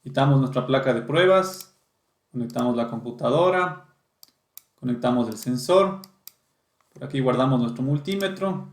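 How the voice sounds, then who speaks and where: A man's voice: medium pitch, lively intonation, normal speed, pauses often, echoey room. A man teaching automotive electronic diagnostics, explaining step by step and checking in with the class. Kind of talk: technical lesson walkthrough.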